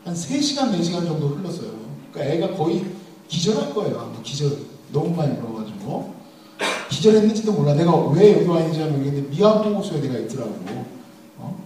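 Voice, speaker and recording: Lively preacher man in an echoey hall. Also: on the high side, quick pace, a little hiss or hum. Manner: humorous storytelling, addressing the audience directly. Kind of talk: sermon. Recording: echoey hall, mic at a distance.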